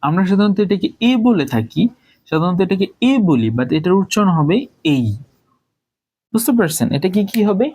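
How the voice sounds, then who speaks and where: A man from Bangladesh, teaching phonics in a spoken lesson. He says each letter sound slowly several times and keeps asking the listener whether they follow. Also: sits high, lively intonation, darkish tone. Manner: repeats sounds slowly, checks with questions.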